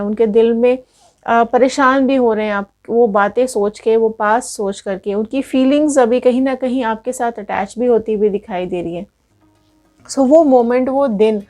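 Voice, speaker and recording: A woman's voice: on the high side, darkish tone. A woman giving a tarot card reading, talking straight to her viewers in an earnest, repetitive way. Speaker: tarot reader.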